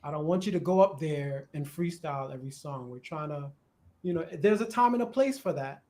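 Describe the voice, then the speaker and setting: A man with a Jamaican accent hosting a live church discussion, chatty and animated, laughing at times as he explains. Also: fairly high pitch, a little fast. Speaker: host. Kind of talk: casual discussion on church worship. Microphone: live stream.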